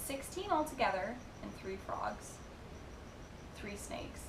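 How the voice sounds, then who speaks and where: A woman's voice: sing-song, slow. A twenty-one-year-old woman chatting casually as she reads out and answers viewer questions, with giggly asides. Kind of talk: casual Q&A chat. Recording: echoey room with noisy rumble.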